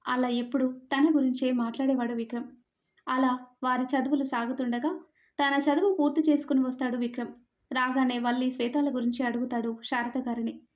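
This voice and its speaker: A woman who hosts a story channel, narrating a serialized story in a gentle way and addressing her listeners directly as friends. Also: sits high, fairly even intonation, brisk, highs cut off.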